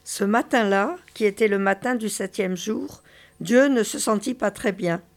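A woman reading a satirical story aloud in a dry, measured narration. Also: medium pitch. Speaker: reader. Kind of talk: literary reading.

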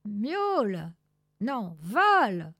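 Wise, kind tomcat, gentle and coaxing, read by a woman. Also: on the high side, expressive, measured pace, creaky.

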